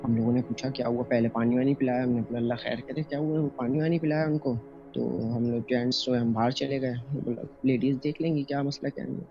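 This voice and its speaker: A man's voice: medium pitch, level tone, fast talker. A young man from Pakistan telling a personal horror story in a casual, rambling way, full of fillers and restarts, recorded as a phone voice note. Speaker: storyteller sharing a personal encounter. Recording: dull lo-fi voice note, faint music.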